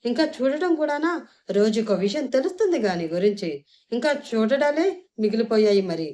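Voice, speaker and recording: A woman voicing an angry, domineering young man who shouts accusations in an audio story. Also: fairly high pitch, animated, moderate pace, voice pushed up, close to an everyday voice. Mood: furious.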